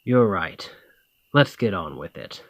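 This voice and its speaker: With background noise audible, a roleplay performer uses a full character voice, low-pitched and expressive, taking it slowly. He's a dominant, teasing Nordic fantasy thane and confident warrior lord, flirting with and commanding the listener in a challenging, playful ASMR scene.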